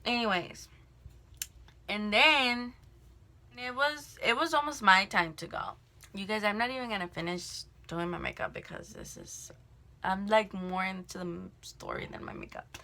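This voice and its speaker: A young woman with a bright, forward voice rambles through a casual storytime vlog. Her talk is loose and full of fillers, with frequent swearing. She is recorded indoors on a simple camera mic. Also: medium pitch, moderate pace. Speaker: vlogger telling a work story. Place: indoors at home, doing makeup.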